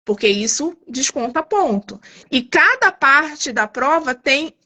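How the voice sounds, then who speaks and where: A woman guest on a live stream talks through exam tips in a casual, explanatory way. Her voice sits high and sounds bright. She keeps checking in with quick tag questions. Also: animated. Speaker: guest, TOEIC course creator.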